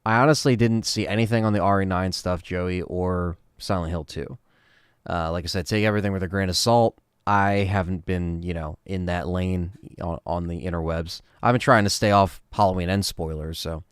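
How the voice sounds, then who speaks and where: Deep, smooth-voiced man chatting casually. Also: moderate pace, no echo, studio quality. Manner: relaxed, rambling, many fillers and restarts. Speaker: livestream host reading chat questions. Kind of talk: casual livestream Q&A chat.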